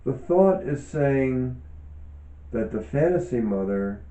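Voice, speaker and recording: Reading aloud from his own self-help book, a man who is both author and yoga teacher delivers short, reflective phrases at a slow, deliberate pace, pausing often. His dark, very soft-edged mid-range voice has lively intonation, though the audio is dull with clear room echo.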